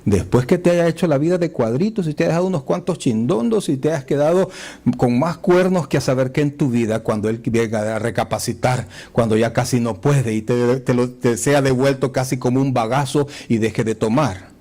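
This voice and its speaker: A man pastor preaching a sermon in church, moving between soft asides and raised, fervent appeals. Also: medium pitch, brisk. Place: church sanctuary.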